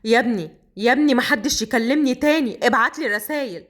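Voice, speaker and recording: Woman storyteller lowering her voice for a gruff young Egyptian man: commanding, quick to anger, storybook drama. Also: fairly bright tone. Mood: angry. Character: tough young Upper Egyptian man, hot-tempered.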